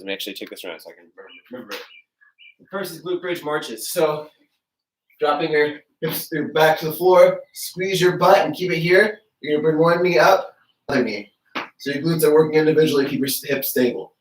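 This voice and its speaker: A fitness coach with a stuffy, congested nose leads a live-streamed workout from an indoor garage gym, relaxed and friendly as he demonstrates floor stretches. His voice is fairly high with a slight hiss or hum. It's caught by a camera mic across the room, so he sounds distant in the echoey space.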